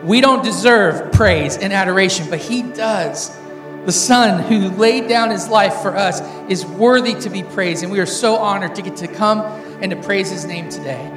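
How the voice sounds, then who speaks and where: High-voiced male preacher rallying a congregation. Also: moderate pace, recorded from a distance. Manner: loud emphatic proclaiming in short repeated phrases. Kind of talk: rally-style sermon opening, rousing the congregation. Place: large church room with PA. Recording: hall reverb, music behind. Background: music.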